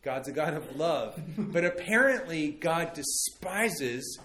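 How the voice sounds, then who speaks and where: A man's voice: fairly high pitch, expressive, takes it slowly, fairly bright tone. A man in his thirties, a pastor giving a conversational sermon and telling stories with many fillers and restarts.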